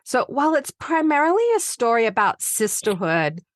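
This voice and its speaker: A woman's voice: on the high side, sing-song, normal speed, dry recording, clean studio sound. A woman hosting a podcast interview, chatty and enthusiastic as she asks her guest questions. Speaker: podcast host.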